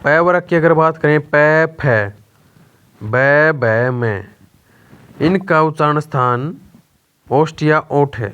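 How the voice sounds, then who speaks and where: A young man teaching an exam-prep grammar lesson, slowly drilling letters one by one, asking questions and answering them himself, often calling his listeners brother. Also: fairly high pitch, a bit bright, clean tone, lo-fi sound. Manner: addresses listeners as brother (bhai).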